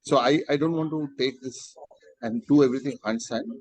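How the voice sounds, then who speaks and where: A man talks casually through a work matter, restarting and rephrasing his points. His voice is husky and of middling pitch. The sound is dry, with no room echo. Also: fairly quick, a little mellow. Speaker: trainee in a one-to-one session.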